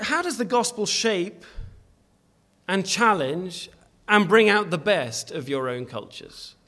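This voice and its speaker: A man's voice: on the high side, a bit bright. A man preaching a sermon in a church, earnest and emphatic, often restarting his phrases as he exhorts the congregation.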